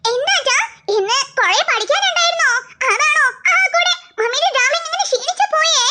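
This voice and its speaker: A woman's voice: very high voice, animated, brisk, bright, forceful tone, slight background noise. A woman voicing a doting, protective young mother in a cartoon, talking in a fussy, indignant way.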